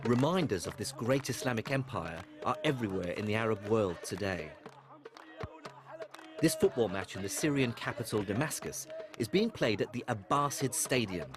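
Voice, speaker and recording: A middle-aged man from Iraq, presenting a documentary in a measured, storytelling narration. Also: fairly low pitch, expressive. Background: music.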